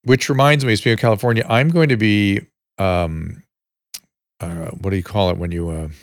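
An older man hosting a casual live audio chat, relaxed and halting, with many fillers. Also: lowish voice, no room sound, clean studio sound. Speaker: host.

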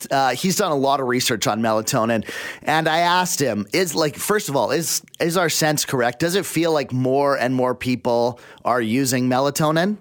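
A man's voice: medium pitch, moderate pace, no room sound. A man, a radio contributor, talking casually and using "like" often while interviewing a guest in the studio.

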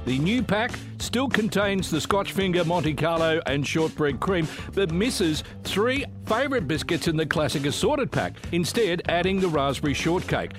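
A man's voice: fairly high pitch, lively intonation, moderate pace, few pauses, music in the background. An older man with an Australian accent, presenting and chatting as a breakfast radio host. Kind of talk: commercial radio presenting and chat.

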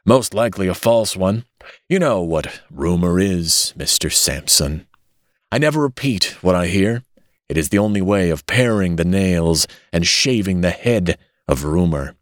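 A man reading an audiobook, voicing a smooth, falsely sympathetic gentleman villain who speaks in a soft, consoling, slyly sneering way. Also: low voice, lively intonation, measured pace, no room sound, clean studio sound. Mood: confiding.

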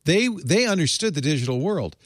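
A man's voice: fairly high pitch, sing-song, fairly quick, dry recording, clean studio sound. A man hosting a casual tech panel, chatty and emphatic, laughing often. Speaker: podcast host.

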